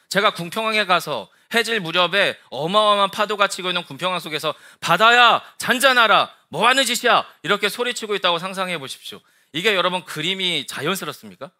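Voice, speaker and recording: A male pastor preaching a lively Sunday sermon, acting out the quoted voices as he tells the story. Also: high-pitched.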